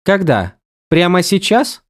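Brief: man voicing a young princess, proud and jumpy, shrill high commands. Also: big pitch swings, slow, exaggerated voice. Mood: indignant.

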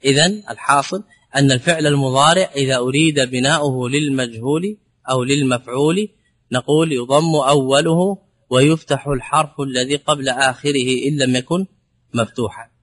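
A man's voice: medium pitch, brisk, a bit bright. A man teaching a grammar lesson, explaining step by step, repeating example words and asking rhetorical questions. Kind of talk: classical Arabic grammar lesson.

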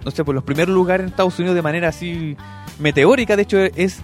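A young Chilean man with a notably high voice chats loosely on a radio music show, padding his talk with fillers and restarts. Soft music plays behind him in the studio. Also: fast talker. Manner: chatty, many fillers and restarts. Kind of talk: casual radio chat about music.

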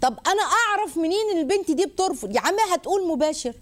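A woman with an Egyptian Arabic accent hosting a religious advice talk, lively and rhetorical, listing points and mimicking people. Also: very high voice, rapid-fire. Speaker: host.

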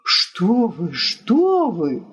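A woman's voice: mid-range voice, wildly swooping pitch, very slow, slightly rough, dull audio, full character voice. A woman reading aloud, voicing an exasperated middle-aged husband who blusters and pleads. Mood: pleading.

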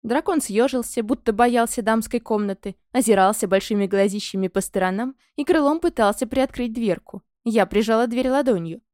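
A woman narrating a fantasy audiobook in the first person, expressive and scripted, on a close microphone. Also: a little high, moderate pace, few pauses, no echo.

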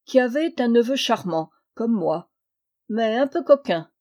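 A charming young rogue of a nephew who coaxes and flatters his rich uncle, as a woman reads him in an audiobook. His voice sounds mellow and warm, lifted with eager charm. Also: fairly high pitch, a little slow. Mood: wheedling. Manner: wheedling, coaxing. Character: charming, roguish young male diplomat nephew. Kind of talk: audiobook reading.

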